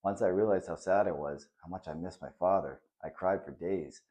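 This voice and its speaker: Man reading a soft-spoken, patient father. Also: sits low, moderate pace, close to an everyday voice. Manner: soft and reassuring. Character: kind, patient middle-aged father.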